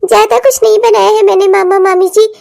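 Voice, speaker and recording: A woman's voice: extremely high pitch, flat delivery, fairly quick, vocal fry, a little mellow, slight background noise, exaggerated voice. A woman voicing a polite, dutiful young daughter-in-law in a cartoon, speaking sweetly and respectfully.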